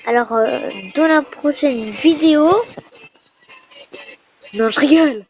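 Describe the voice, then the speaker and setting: A woman giving casual, chatty and playful commentary while playing a game, with sudden excited squeals. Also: sits high, slow. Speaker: gamer. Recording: dull lo-fi recording with faint noise.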